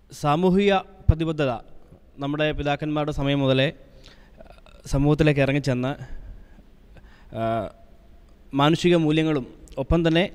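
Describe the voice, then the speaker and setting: A man on a discussion panel answering a question deliberately, pausing between phrases. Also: on the high side, a little mellow, clean tone, long reverb tail.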